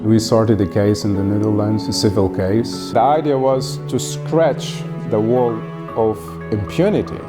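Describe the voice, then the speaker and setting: Man, from Gaza, earnest, halting with fillers, documentary interview, music bed. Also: on the low side, fairly even intonation. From Gaza, Palestine. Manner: earnest, with frequent "I mean" fillers.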